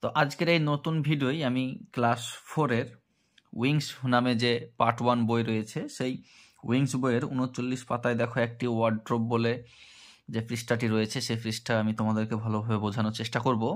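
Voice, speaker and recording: Tutor guy walking kids thru a textbook page, patient, repeats stuff, reads english examples real slow, medium voice. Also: mid-range voice. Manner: patient, repeats words and checks understanding. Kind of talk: explaining a textbook page to children.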